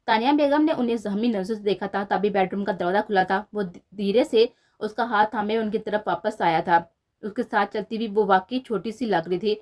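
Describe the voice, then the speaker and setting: A woman narrating a romance novel as scripted storytelling, in a steady, even reading manner. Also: medium pitch.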